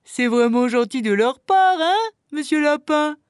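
A woman voicing a calm, cheerful, carefree female bear who talks in an unhurried, affectionate way, in a storybook reading. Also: sits high, dry recording, clean studio sound. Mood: easygoing.

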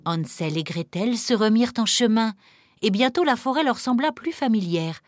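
Calm woman reading a fairy tale. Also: fairly high pitch, faint music behind. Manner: calm measured reading with dramatic pauses. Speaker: storyteller. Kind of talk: scripted fairy-tale narration.

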